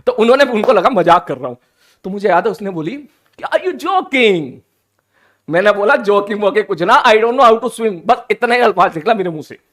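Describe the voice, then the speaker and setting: A man, telling a funny personal story in a playful, animated, teasing way, like a teacher chatting with his class. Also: sits high, fairly quick. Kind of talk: casual storytelling.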